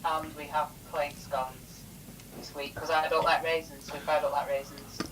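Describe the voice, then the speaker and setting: A woman calling in by phone, heard over a loudspeaker, chatting casually and telling anecdotes. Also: low-pitched, level tone, normal speed, crowd noise, poor audio. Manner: chatty, laughing, tells anecdotes. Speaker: caller, a host's wife. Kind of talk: casual chat.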